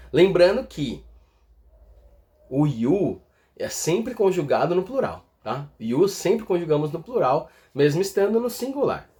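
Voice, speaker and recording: A man teaching an English lesson in a patient, explanatory way. He checks in with his listeners after almost every point and slows down to spell out each example. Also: fairly high pitch, a little mellow. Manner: patient, tags lines with "tá?" and "né?".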